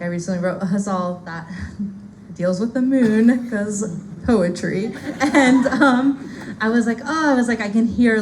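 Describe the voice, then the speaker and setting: A Spanish-speaking poet with a medium-pitched, slightly mellow voice casually answers audience questions at a reading in a bookstore loft. She's chatty and relaxed, filling her speech with "like" and other fillers, over a slight hiss or hum.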